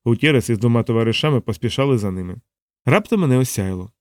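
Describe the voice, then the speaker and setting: Male audiobook reader, steady delivery, mid pitch, dry close mic. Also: fast, dry recording. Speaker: audiobook narrator. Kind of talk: first-person audiobook narration.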